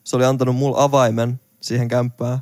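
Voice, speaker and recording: A young man from Finland, a podcast co-host telling a travel story in casual chat, lively and laughing, with some swearing. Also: medium pitch, no echo, clean studio sound.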